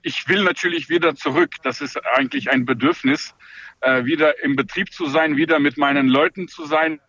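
Man, gravelly and fairly high, halting answers over a dull lo-fi line. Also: fairly even intonation, bright, forceful tone, no echo. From Ukraine. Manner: halting, many hesitations. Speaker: farm manager interviewee.

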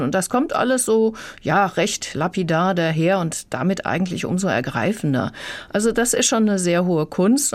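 Thoughtful radio book critic. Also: mid-range voice.

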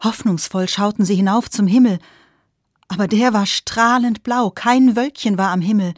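A woman storyteller telling a folktale to listeners, with expressive delivery that speaks to them directly. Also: mid-range voice, moderate pace, no room sound, clean studio sound.

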